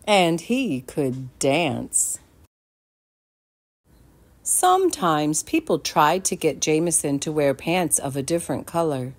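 Slow, expressive woman reading to kids. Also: low voice. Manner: expressive, asks listeners questions. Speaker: storytime reader. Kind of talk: children's read-aloud narration.

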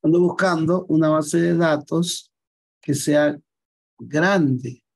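A man with a slightly higher voice leads a live computer class, calmly going through each step on screen. He repeats himself and checks in with his students to make sure they follow. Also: takes it slowly, gravelly, poor audio. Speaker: computer skills teacher. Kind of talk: live online class, explaining screen steps.

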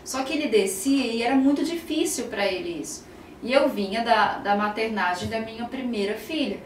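A woman with a Brazilian Portuguese accent, a psychologist who is a guest on a podcast and tells stories lively, acting out her children's voices. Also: on the high side, moderate pace, recorded from a distance, a crowd in the background. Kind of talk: podcast interview, explaining. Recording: roomy, off-mic, faint ambience.

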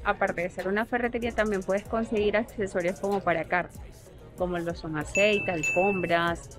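A woman's voice: lowish voice, a little mellow. A woman with a Venezuelan accent, chatting casually as a vlogger while she reads out prices walking through a large indoor hardware store. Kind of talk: casual vlog tour.

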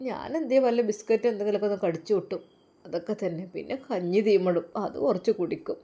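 A woman voicing a gentle, pious elderly widowed mother who speaks softly and tenderly. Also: medium pitch, quick pace, close to an everyday voice. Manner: soft, tender, comforting.

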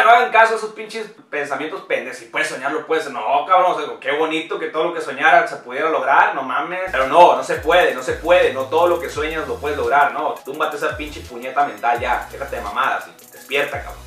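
A man's voice: a little high, pushed and bright, roomy sound, recorded from a distance. A young man with a Mexican Spanish accent, ranting sarcastically and profanely as a comedy vlogger. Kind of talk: crude comedic rant.

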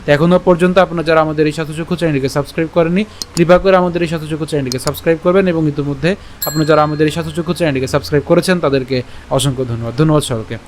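A man teaching Sanskrit verse pronunciation in an online lesson, breaking words into syllables slowly and checking with rhetorical questions. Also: a little high, fairly even intonation, a little hiss or hum.

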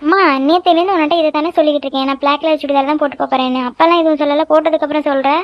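Brief: woman playing a mouthy cartoon teen girl, high and quick, dry lo-fi. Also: fairly even intonation, no room sound, lightly acted. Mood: sassy. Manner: sassy, talks back. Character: cheeky teenage girl, older daughter. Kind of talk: cartoon dubbing.

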